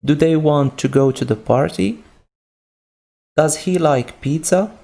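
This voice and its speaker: A Moroccan-accented man teaching an English grammar lesson at a slow, deliberate pace. His voice is dark and mellow with a gravelly edge, and he patiently repeats each point through simple example sentences. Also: on the high side.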